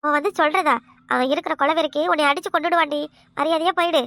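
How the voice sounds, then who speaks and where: A woman's voice: sits high, steady tone, quick pace, a bit bright, no room sound. A woman voicing a harsh older village mother-in-law with a Kanyakumari Tamil accent, scolding and insulting in a cartoon comedy.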